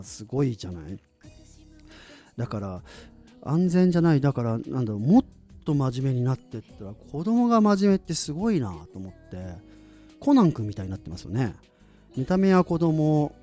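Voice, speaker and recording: A man hosting a casual, rambling talk on voice training, humming and singing syllables to show how it is done. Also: medium pitch. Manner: rambling, animated, hums and sings syllables to demonstrate. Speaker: voice training host. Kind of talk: casual monologue with vocal demonstrations.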